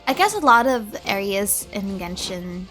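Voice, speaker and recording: A young woman game streamer gives casual, chatty gameplay commentary, rambling and musing aloud. Her medium-pitched voice is very animated yet unhurried, and the rough recording has game music behind it.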